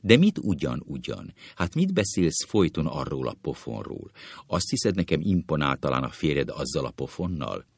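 A man's voice: a bass voice, sing-song, creaky, breathy edge, dry recording, clean studio sound, full character voice. A man voicing a vain, cowardly male writer who rants indignantly about spiritual superiority and later titters nervously, in a comic play reading.

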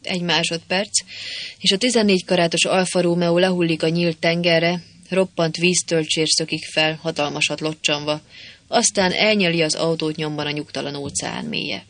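An audiobook narrator reading a comic story in a clear, even storytelling manner. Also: medium pitch, no room sound. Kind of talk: scripted narration.

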